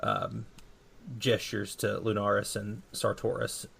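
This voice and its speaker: A man talks through his character's actions at a tabletop game, pausing often and filling gaps with ums. His voice is low with a gravelly edge. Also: sing-song, fairly bright tone. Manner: halting, filler-heavy. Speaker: player.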